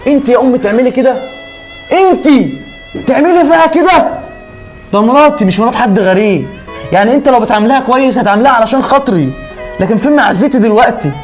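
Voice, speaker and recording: A man's voice: mid-range voice, very fast, vocal fry, dark tone, faint music behind, natural voice. An actor playing a young husband torn between his mother and wife, with an Egyptian Arabic accent and an earnest, confrontational manner. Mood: hurt. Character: torn husband and son, young man, quick to anger. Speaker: actor in a web drama.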